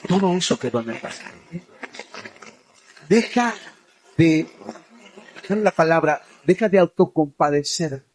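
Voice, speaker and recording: Male preacher with a high voice, delivering an impassioned sermon to youth that swells to forceful exhortation. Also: lively intonation, a little slow, pauses often, slight background noise. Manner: impassioned, builds to forceful near-shouting exhortation; addresses listeners directly as young people. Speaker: evangelist preacher.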